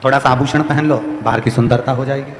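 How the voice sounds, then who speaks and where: A man's voice: mid-range voice, steady tone, quick pace, slight background noise. A man with a central Indian Hindi accent giving a devotional sermon, repeating phrases in a rhythmic, exhorting way. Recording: echoey hall with faint music.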